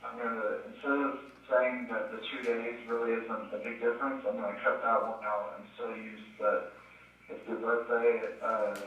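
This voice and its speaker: Low-voiced man, dry and sarcastic, jail call recording, distant, muffled. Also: heavy reverb, a little hiss or hum. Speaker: inmate on a jail phone call.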